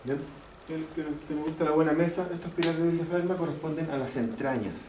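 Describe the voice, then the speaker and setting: A man teaches an anatomy class, repeating each key term and checking that students follow. His voice is mellow and sits a little high. He is picked up from a distance in an echoey lecture hall with faint background noise. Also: brisk. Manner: explains step by step, repeats key terms, checks in with "¿ya?". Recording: echoey classroom, mic far off, faint ambience.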